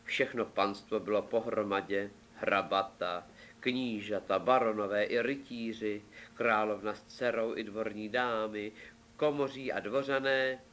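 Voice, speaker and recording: A man's voice: on the low side, steady tone, a bit bright, slight background noise. Man reading a fairy tale aloud. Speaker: storyteller.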